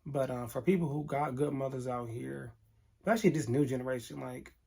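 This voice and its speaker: A man's voice: mid-range voice, a little fast, vocal fry, warm tone, husky. A man vlogger telling an emotional storytime to camera, candid and earnest, talking straight to his viewers.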